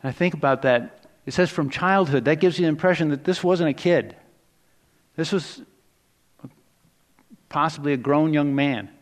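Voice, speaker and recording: A man delivers a sermon in an easy, conversational way, with a voice pitched a little high. He turns reflective and drops softer when he quotes scripture lines. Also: moderate pace, long pauses. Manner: conversational, reflective preaching with soft dips for quoted words. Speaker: preacher.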